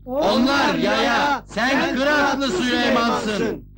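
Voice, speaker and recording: A coaxing villager, very high voice. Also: male voice, extremely slow, a loud crowd, exaggerated voice. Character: flattering villager.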